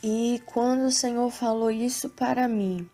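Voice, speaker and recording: A woman with a Brazilian Portuguese accent reading scripture and giving a spiritual testimony in a slow, solemn, measured way. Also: fairly high pitch, fairly even intonation, mellow. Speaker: evangelical preacher.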